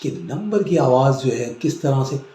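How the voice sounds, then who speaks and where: A man teaching a language lesson, explaining slowly and repeating each word for drilling. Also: medium pitch, animated, warm tone, reverberant. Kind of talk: classroom-style language lesson.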